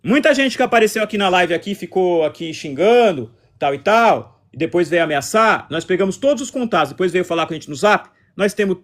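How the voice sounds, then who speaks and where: Casting: high-voiced Brazilian man, rapid-fire, combative live host. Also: expressive. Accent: Brazilian Portuguese. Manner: combative, repetitive, answers chat comments. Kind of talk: casual political live stream chat.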